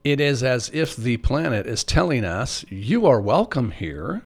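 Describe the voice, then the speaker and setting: A man's voice: medium pitch, very animated, a little slow. A man co-hosting a podcast, talking in a conversational, reflective discussion style. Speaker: podcast co-host.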